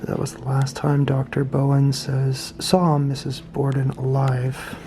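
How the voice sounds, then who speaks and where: A man giving a casual vlog tour in a hushed, low-key way that often drops toward a whisper, speaking indoors as an investigator and host. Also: completely flat delivery, measured pace, a little hiss or hum. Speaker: paranormal investigation vlogger, host. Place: indoors in an old house.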